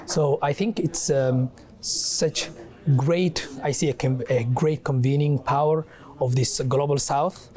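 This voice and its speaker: Halting man from Somalia, mellow voice. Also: medium pitch, fairly even intonation. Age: young adult. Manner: halting, many fillers and restarts. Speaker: guest, adviser and academic. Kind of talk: interview answer.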